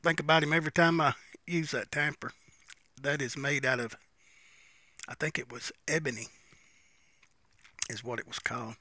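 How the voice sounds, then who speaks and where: Bright-voiced man casually reviewing, pipe in hand. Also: fairly high pitch, fairly even intonation, moderate pace, long pauses. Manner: talks while smoking a pipe between phrases. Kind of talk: casual unscripted review chat.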